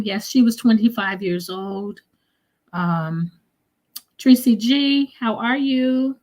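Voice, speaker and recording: A woman's voice: medium pitch, darkish tone. A middle-aged woman hosting a live stream, greeting viewers by name and reading their comments in a casual, chatty way that often trails off and restarts. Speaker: livestream host.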